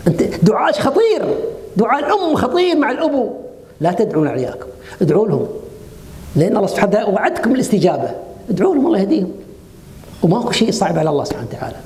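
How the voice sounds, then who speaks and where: A man preaching, giving an animated religious lecture to women and asking them rhetorical questions. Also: high-pitched, racing, pauses often. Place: hotel lecture hall. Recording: echoey lecture hall.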